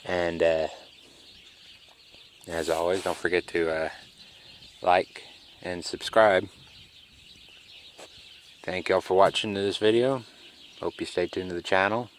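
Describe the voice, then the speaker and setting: Man, very deep voice, drowsy rambling vlog chat, phone mic outdoors. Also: fairly even intonation, slow, pauses often, a little hiss or hum. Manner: laid-back, rambling, drawling. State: sleepy, yawning. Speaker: car vlogger. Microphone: phone camera.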